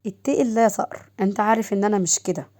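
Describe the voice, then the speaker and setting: A woman's voice: mid-range voice, rapid-fire, dark tone, lightly acted. A woman with an Egyptian accent voicing a recovering husband who teases his wife in an easygoing way. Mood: teasing.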